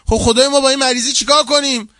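A man, a seminary cleric, giving a colloquial sermon full of anecdotes, swinging from loud, lively telling to hushed, earnest asides. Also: extremely high pitch, dry recording, clean studio sound.

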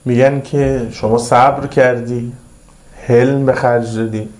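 A male preacher giving a sermon who recites Arabic slowly and then explains it in plain, colloquial talk, using repetitive, emphatic phrasing. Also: mid-range voice, flat delivery, darkish tone. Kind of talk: religious sermon.

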